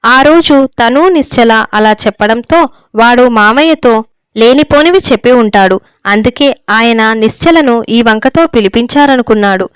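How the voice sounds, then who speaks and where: A woman storyteller reads a serial story aloud at a steady, measured pace. Her voice is smooth, clear and a little high. The close mic gives a dry, intimate sound. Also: no room sound. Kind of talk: scripted narration.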